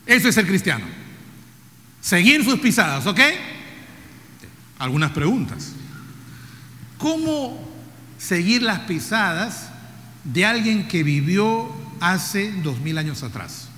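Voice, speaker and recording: In a reverberant church hall, a Peruvian pastor in his fifties preaches with a Peruvian Spanish accent, asking the congregation rhetorical questions and repeating key phrases. He jokes with the audience and sometimes drops to a soft, low voice for emphasis. His delivery is sing-song and slow, with frequent pauses.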